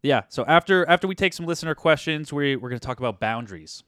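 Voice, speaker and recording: A man's voice: a little high, lively intonation, quick pace, a bit bright, smooth, no echo, clean studio sound. A man co-hosting a casual podcast, rambling and often restarting his sentences. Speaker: podcast co-host. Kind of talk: casual chat.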